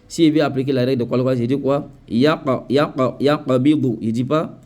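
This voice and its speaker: A man teaching Quran recitation rules in French, repeating each word slowly and often checking that students follow. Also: medium pitch, steady tone, mellow. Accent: West African French. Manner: repetitive, drills pronunciations slowly, often checks understanding. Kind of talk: tajweed lesson.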